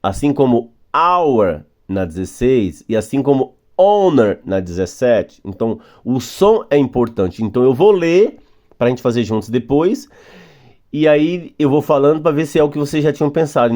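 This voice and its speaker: A Brazilian man teaching an English grammar class to beginners. His voice moves lively up and down as he patiently repeats and spells out words, slowing down so students can follow. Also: mid-range voice. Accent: Brazilian Portuguese. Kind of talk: recorded grammar lesson for beginners.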